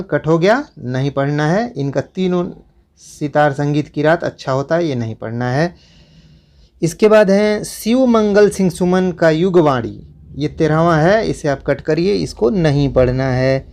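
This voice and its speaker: Students hear a man whose voice is on the high side, a little slow and darkish as he walks them through the school syllabus. Repetitive and instructive, he keeps pointing out which chapters they should cross off.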